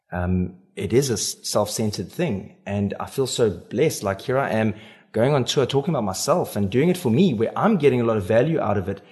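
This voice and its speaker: A man with a South African accent, chatting expressively and casually as an author guest on a radio show. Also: fairly low pitch. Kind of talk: casual interview chat.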